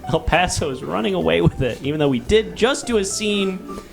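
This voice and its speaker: A man hosts an improvised comedy casting show with a somewhat high voice. He talks in a rambling, conversational way and stays polite as he steers things along. Light music runs underneath. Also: animated, brisk, creaky. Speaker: host.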